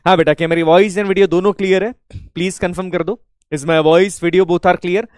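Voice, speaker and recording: A man's voice: sits high, steady tone, moderate pace, darkish tone, no echo, studio quality. A man teaching a live online class, repeatedly checking whether students can hear him and mixing English phrases into his talk, sounding slightly unwell. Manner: hybrid Hindi-English, chanting patriotic greetings, repeatedly checking audio.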